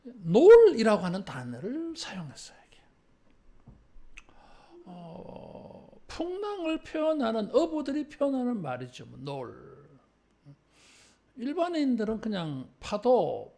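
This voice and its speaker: During a church service, a pastor with a creaky, mellow mid-range voice preaches a little slowly with big pitch swings. They speak conversationally, frequently tagging phrases with a filler word, prompting the congregation to repeat after them, and switching between formal and casual speech.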